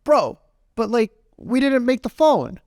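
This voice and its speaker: A man doing a loud burly shop owner going "bro". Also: very high voice, sing-song, measured pace, vocal fry, dry recording, studio quality, voice pushed up, exaggerated voice. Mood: loud, pleading. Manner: loud, repeats "bro", pleading. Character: big loud male store owner, calming with "bro".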